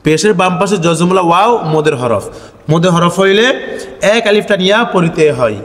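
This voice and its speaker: A man's voice: high-pitched, lively intonation, brisk, a bit bright, long reverb tail. A man teaching Quran reading, chanting each letter-by-letter spelling in a sing-song drawl and then asking and answering his own questions. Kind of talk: spelling-out recitation lesson.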